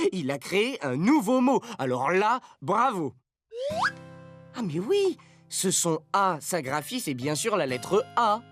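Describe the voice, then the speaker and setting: Fussy, theatrical puppet presenter. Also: male voice, high voice, a bit bright, exaggerated voice. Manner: exclamatory, sing-song, dramatic. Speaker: children's TV presenter. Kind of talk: educational puppet show.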